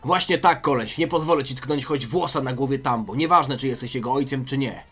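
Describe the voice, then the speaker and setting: A man's voice: medium pitch, brisk, a bit bright, husky. Man doing a loyal defiant hero, firm voice, comic-dub style, faint music.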